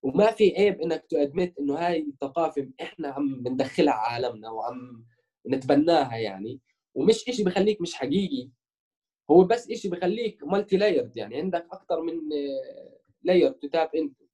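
A man's voice: a little high, fairly quick, warm tone, husky. A young man with a Jordanian-Palestinian Levantine Arabic accent, chatting casually as an interviewed musician and mixing in English words. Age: young adult.

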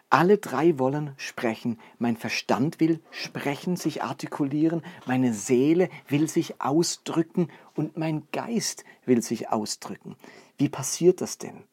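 Guy preaching, earnest, asks questions then answers them, mid pitch. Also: darkish tone. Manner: earnest, explanatory, builds up with lists and rhetorical questions. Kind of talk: sermon teaching.

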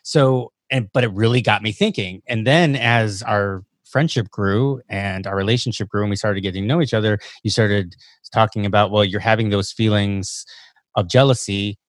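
Earnest man, dry close sound, slightly low. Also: moderate pace, dry recording. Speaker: podcast guest. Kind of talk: casual interview conversation.

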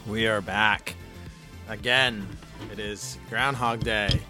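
A man's voice: on the low side, fairly even intonation, slow, bright, forceful tone, faint music behind. A man co-hosting a podcast in casual banter, dry and self-mocking, his voice coming through a tinny, thin-sounding microphone. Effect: tinny, thin mic sound. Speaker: podcast co-host. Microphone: poorly set podcast mic.

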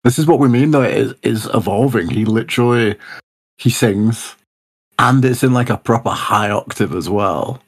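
A man's voice: mid-range voice, normal speed, breathy edge. A young man, bantering casually about music in a laid-back, slangy way.

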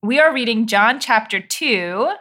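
A woman co-hosting a podcast, reading a scripted intro and then chatting playfully, quick to laugh. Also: fairly high pitch, expressive, pushed and bright. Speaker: podcast co-host.

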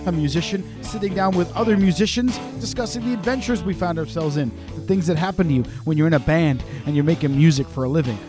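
A man hosting a podcast, talking casually and with gushing enthusiasm. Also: high voice. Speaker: podcast host and musician.

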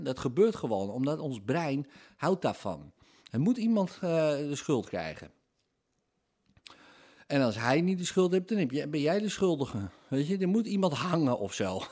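A man with a medium-pitched, darkish voice explains hypnosis in a conversational monologue. He works through everyday examples and often checks in with tag questions.

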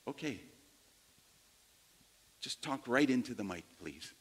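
A male pastor addresses his congregation in a sermon, laying out his phrases deliberately with pauses between them. His mid-pitched voice carries a long hall reverb. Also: lively intonation.

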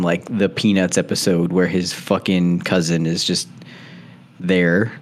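A man's voice: deep voice, darkish tone. A man co-hosting a podcast over a video call, chatting casually and rambling with loose swearing. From Arizona. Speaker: podcast co-host. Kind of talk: casual chat.

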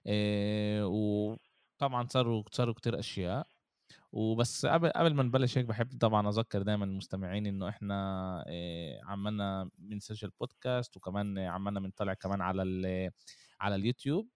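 Fast, clear Palestinian Arabic male host. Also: fairly low pitch, a little mellow, no room sound. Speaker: podcast host. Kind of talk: casual sports podcast talk.

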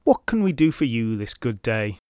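Man doing a tavern mistress, hearty, bright, raised pitch, storybook, dry recording. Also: very animated, moderate pace, no room sound, natural voice. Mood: hospitable. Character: hearty middle-aged woman innkeeper, fond of drink.

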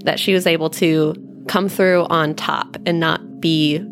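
A woman playing a tabletop game, describing her character in a relaxed, casual way. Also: deep voice, unhurried. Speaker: player. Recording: music bed under voice.

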